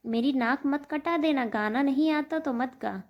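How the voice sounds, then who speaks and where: A woman voicing a sharp-tongued, scolding old mother-in-law in a told story. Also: high-pitched, measured pace, muffled recording. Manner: scolding, loud.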